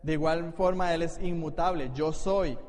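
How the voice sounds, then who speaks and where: A pastor originally from Costa Rica leads his congregation through a Bible study, teaching in an explanatory way with his Costa Rican Spanish accent. His fairly high voice moves at a normal pace with fairly even intonation, captured in an echoey church hall with a little noise.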